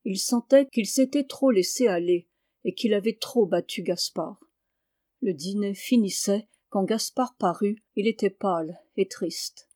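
Woman audiobook reader, calm, dry close sound. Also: medium pitch, a little slow, no echo. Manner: calm, names each speaker before lines. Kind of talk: audiobook reading of a classic novel.

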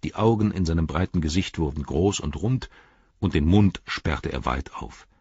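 Sprecher: tiefer, knarziger Männerbass, lebhaft erzählend, dumpfer trockener Klang. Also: male voice, very deep voice, moderate pace, darkish tone, slightly rough, dry recording. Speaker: audiobook narrator. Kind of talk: scripted narration. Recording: dull lo-fi recording.

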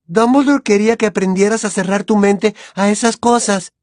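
A woman's voice: mid-range voice, fairly even intonation, normal speed, darkish tone, no echo, clean studio sound, natural voice. A woman voicing a clever, anxious teenage girl witch who talks with urgent earnestness. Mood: urgent, pleading.

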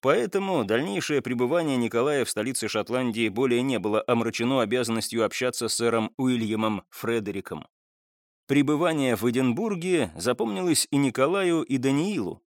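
A man's voice: medium pitch, animated, fairly quick, no echo. Man reading an audiobook, dry and close. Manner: dry, wry storytelling with casual asides. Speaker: audiobook narrator. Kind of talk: scripted narration of a historical novel.

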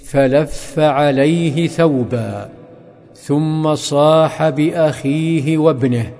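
A man narrating a story dramatically, in a slow, sing-song, chanting delivery. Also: on the high side, dark tone. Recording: long reverb with faint background music.

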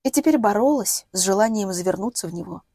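A woman narrates a novel in a steady, measured storytelling voice. Her tone is mellow and warm, and the recording is close and dry with no room sound. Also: medium pitch, slightly rough, no echo. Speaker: audiobook narrator. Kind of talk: scripted narration.

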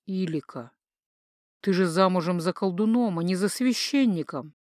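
Brief: woman reader doing a dangerous male wizard in a storybook, low and hushed, slow and threatening, dry close sound. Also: dry recording, lightly acted. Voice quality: low, quiet, weighty delivery. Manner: measured and menacing. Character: stern, dangerous adult male wizard husband.

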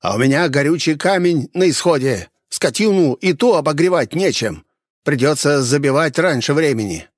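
A man voicing a bitter, stubborn innkeeper who shouts in anger and whose voice cracks high. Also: expressive, moderate pace, no room sound, clean studio sound. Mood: furious. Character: furious desperate male innkeeper, bitter and stubborn. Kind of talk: audiobook character voice.

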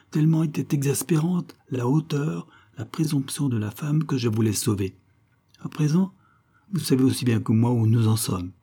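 A man reading an audiobook, voicing a detective who calmly recounts events to a friend in a measured way. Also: mid-range voice, slightly rough. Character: calm, sharp male detective recounting to a friend.

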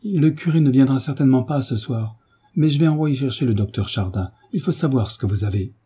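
A man's voice: mid-range voice, a little fast, dark tone, breathy edge, voice pushed up. A man voicing a haughty marquise. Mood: curt. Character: cold haughty marquise, middle-aged woman.

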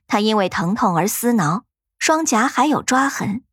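A woman narrating a fantasy ghost story in an expressive, dramatic storytelling manner. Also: a little high, moderate pace, husky, dry recording, clean studio sound.

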